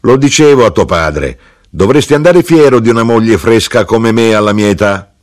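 A man's voice: on the low side, expressive, normal speed, a little mellow, no room sound, studio quality, pitched above the performer's own voice, lightly acted. A man reading an audiobook and voicing a proud, insistent mother of fifty who teases and boasts. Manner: insistent, teasing, self-satisfied. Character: proud, bossy middle-aged mother, fifty.

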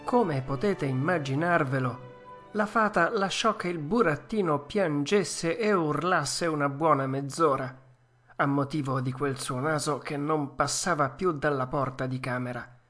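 Female audiobook narrator: deep for a woman, unhurried, measured, gentle storyteller. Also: soft background music. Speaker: audiobook reader. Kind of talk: audiobook narration of a classic children's tale.

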